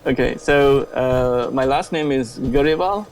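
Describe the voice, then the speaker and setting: Male guest on a video call, gravelly fry, hesitant and modest. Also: medium pitch, unhurried. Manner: hesitant, modest, laughs often. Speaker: interview guest. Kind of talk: casual interview.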